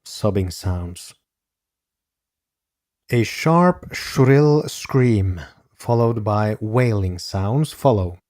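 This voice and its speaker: A man narrating a true-crime podcast in a grave, measured reading. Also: fairly low pitch, lively intonation, a little mellow, no echo, studio quality. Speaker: podcast host.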